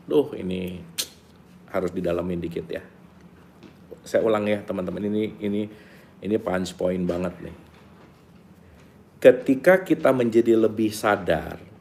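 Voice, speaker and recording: A man's voice: mid-range voice, darkish tone, a little hiss or hum. A middle-aged man leading a casual book study, reading passages and then explaining them in a chatty, playful way, repeating key lines and acting out little everyday scenes.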